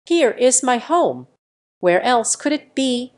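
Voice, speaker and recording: A woman reading the lines of a sly, scolding old male country healer in an audio story, with a gruff, teasing manner. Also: high voice, big pitch swings, slow pace, pitched above the performer's own voice, full character voice.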